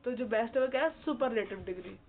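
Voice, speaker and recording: A young woman teaching at an easy pace, often repeating words and putting questions to the class. Her voice sits a little high. The sound is thin and tinny like a phone line, with a faint hiss underneath. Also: fast. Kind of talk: explaining lesson.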